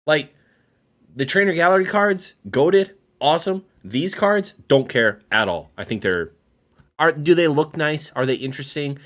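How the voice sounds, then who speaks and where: A man's voice: fairly high pitch, expressive, normal speed, a bit bright. A man hosting a casual reaction video, giving blunt, dismissive opinions and laughing often.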